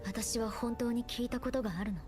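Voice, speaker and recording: A woman's voice: fairly high pitch, steady tone, racing, natural voice. An actress playing a guarded, perceptive young woman in a fantasy anime game, speaking seriously and bluntly. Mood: serious, searching. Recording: game music under the voice. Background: game music.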